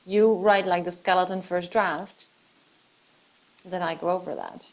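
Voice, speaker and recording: A young woman from the Netherlands, hosting a casual live-stream chat. Her voice sits on the low side, and she talks in loose, looping bursts, restarting her sentences as ideas come. It sounds like an easy talk between co-writers. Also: unhurried, a little hiss or hum, poor audio. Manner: chatty, restarts sentences often. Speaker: host.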